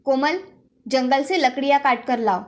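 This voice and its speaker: A woman voicing a harsh, bossy stepmother who barks orders and taunts, for an animated story. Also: high-pitched, moderate pace, lightly acted. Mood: scolding. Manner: bossy, taunting, sharp commands. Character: harsh scolding stepmother, middle-aged woman.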